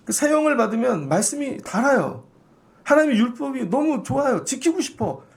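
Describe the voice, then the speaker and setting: A man's voice: very high voice, lively intonation, normal speed, creaky. A man pastor giving a conversational Friday prayer sermon, acting out the voices of the people he quotes. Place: church sanctuary.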